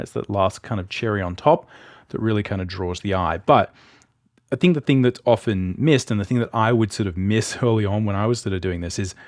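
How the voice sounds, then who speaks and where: A man's voice: fairly low pitch, no room sound, clean studio sound. A man teaching illustration, talking through images in a loose, conversational way with frequent fillers and restarts. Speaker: art instructor. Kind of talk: casual explanatory commentary over images.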